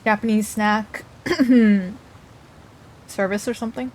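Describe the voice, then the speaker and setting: A woman's voice: mid-range voice, steady tone, slow pace, a little mellow. A woman livestreamer chatting casually, reacting to chat messages and talking while she eats.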